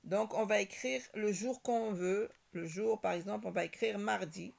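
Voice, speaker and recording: A woman teacher slowly reading syllables and words aloud for young children, articulating each one carefully. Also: mid-range voice, gravelly, darkish tone.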